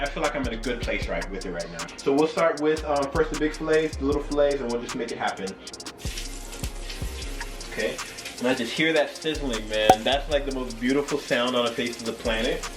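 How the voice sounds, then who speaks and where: A man's voice: mid-range voice, fairly quick. A tipsy man hosting a home cooking video, chatting casually and loosely, rambling and losing his train of thought. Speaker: home cooking show host. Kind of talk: casual chat to camera while cooking. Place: home kitchen. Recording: roomy echo, distant mic, music behind.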